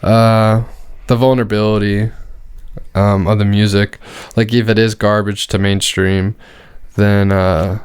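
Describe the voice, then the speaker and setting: A man's voice: on the low side, level tone, unhurried, smooth, no room sound. A man talking casually and bluntly as co-host of a podcast. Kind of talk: casual chat.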